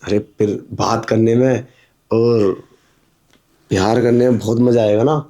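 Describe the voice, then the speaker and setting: A man's voice: fairly low pitch, fairly even intonation, unhurried, warm tone. A man playing a pushy young milkman who wheedles and insists in a melodramatic drama. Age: young adult.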